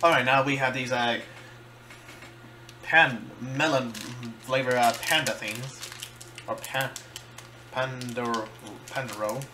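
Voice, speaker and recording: A man doing a casual food-tasting vlog, halting and searching for words as he chews and talks. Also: medium pitch, steady tone, noisy background. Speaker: vlogger.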